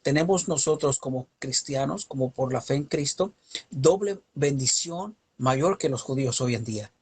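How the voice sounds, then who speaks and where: A man's voice: medium pitch, lively intonation, normal speed, a little mellow, husky. A man teaching a Bible lesson, preaching with an emphatic, rising cadence and rhetorical questions.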